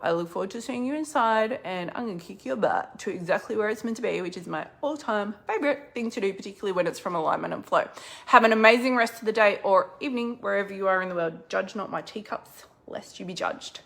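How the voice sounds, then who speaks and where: A middle-aged woman business coach giving an energetic, chatty motivational talk with a faith-based slant. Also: medium pitch, fast talker, vocal fry.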